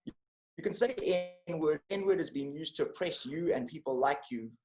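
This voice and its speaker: A man's voice: on the high side, normal speed. South African man over roomy video call. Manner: analytical, building arguments with restarts. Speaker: guest comedian. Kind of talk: podcast conversation.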